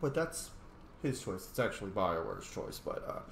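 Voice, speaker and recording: With huge pitch swings in a low voice, a game streamer keeps a moderate pace as he roleplays through a video game. His commentary is casual, playful, and opinionated, and he swears freely. Expect a roomy echo and clear background noise.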